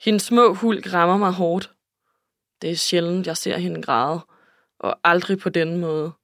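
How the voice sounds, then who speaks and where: A woman's voice: fairly low pitch, steady tone, a bit bright, no room sound. Woman narrating an audiobook, dry close sound. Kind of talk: scripted first-person narration.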